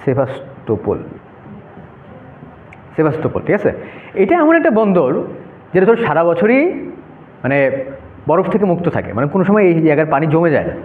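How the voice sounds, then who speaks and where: Young man teaching a class, rapid-fire delivery, high lively voice, narrow phone-like sound. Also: echoey room, a little hiss or hum. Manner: fast, animated, talks students through a map with frequent "okay?" checks. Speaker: debate workshop instructor. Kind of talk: informal classroom lecture.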